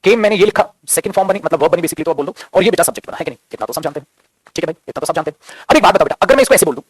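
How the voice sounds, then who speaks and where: Male grammar teacher, high husky voice, rapid-fire classroom delivery, fatherly and scolding. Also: expressive, dry recording. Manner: scolding, fatherly, keeps calling students "beta".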